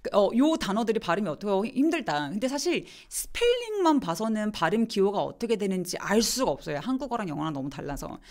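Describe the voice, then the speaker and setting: A woman teaching English pronunciation in a live online lesson, slowly demonstrating words and answering viewer questions. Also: mid-range voice, big pitch swings, darkish tone.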